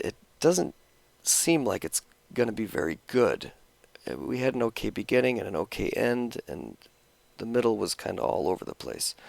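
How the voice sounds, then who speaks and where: A man with a medium-pitched, gravelly voice, recorded dry, casually explains how he edits his video. He rambles, keeps restarting his sentences, and talks around a cigarette in his mouth.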